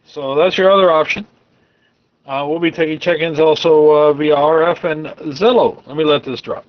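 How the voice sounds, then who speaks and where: A man acting as net control for an amateur radio club, heard over a radio link and calling stations in a relaxed, joking way. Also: on the high side, moderate pace, lo-fi sound, a little hiss or hum. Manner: relaxed, joking, loose running commentary. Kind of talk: directed ham radio net, casual chat.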